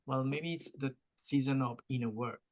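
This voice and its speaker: A man's voice: medium pitch, steady tone, normal speed, darkish tone. A man with a French-Mauritian accent co-hosting a podcast, talking casually and motivationally, explaining through analogies with encouraging repetition. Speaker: podcast co-host.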